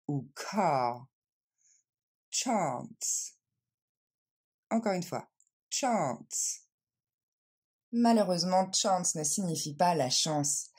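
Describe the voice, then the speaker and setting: A woman teaching English vocabulary in a scripted lesson, modeling pronunciation slowly and clearly. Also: on the low side, mellow.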